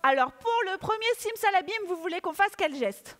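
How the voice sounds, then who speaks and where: A woman's voice: extremely high pitch, normal speed. A woman hosting a children's award ceremony, playful and coaxing the audience to join in. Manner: animated, playful, coaxes the audience. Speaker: ceremony host. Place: large auditorium. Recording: echoey hall with audience.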